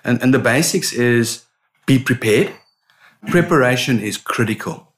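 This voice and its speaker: A middle-aged man, a sales consultant, answering interview questions in an animated storytelling manner with frequent restarts. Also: mid-range voice, unhurried. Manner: animated storyteller, repeats words when starting.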